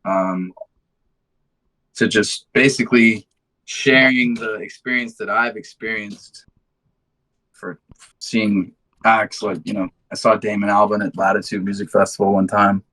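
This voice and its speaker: Here a London-born man in his twenties, in the States since high school, chats casually as a band musician in an interview. His fairly low, steady voice sounds pushed and bright, moving at a measured pace with frequent pauses, and the audio is poor. His storytelling is relaxed, full of slang and swearing.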